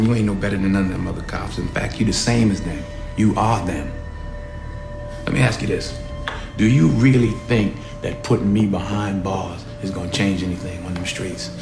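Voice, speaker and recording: An actor playing a proud, menacing crime boss in a film drama, talking in a cocky, streetwise, confrontational way. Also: male voice, lowish voice, vocal fry. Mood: challenging, scornful. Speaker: crime boss under interrogation. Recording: echoey room with music underneath.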